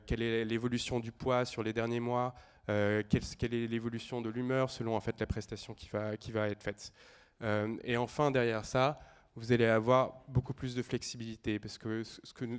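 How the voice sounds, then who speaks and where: A man giving a start-up pitch to an audience, explaining in a halting way and repeating phrases as he goes. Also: clean tone. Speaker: start-up presenter.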